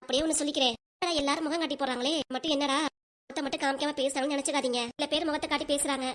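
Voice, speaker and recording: A woman's voice: high voice, steady tone, rapid-fire, a bit bright. A woman host giving a chatty, apologetic intro to her cartoon channel.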